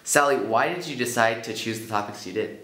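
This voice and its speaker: A man interviews a student with brief, direct questions. His voice is bright and forceful at a middle pitch, and the room around him is echoey. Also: brisk.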